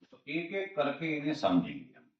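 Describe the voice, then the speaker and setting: A man's voice: on the high side, huge pitch swings, normal speed. A man giving a chemistry lecture, explaining each step over and over and answering his own questions. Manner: repetitive step-by-step explaining, asks and answers himself. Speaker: chemistry teacher. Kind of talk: classroom lecture. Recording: roomy, distant and dull-sounding.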